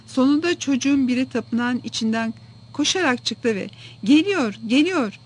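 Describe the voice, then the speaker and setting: A narrator reads a first-person historical story aloud for an audiobook. The delivery is steady and even, with the plain pace of a careful reading. It sounds like a chapter being read straight through. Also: high voice, a little fast, slight background noise.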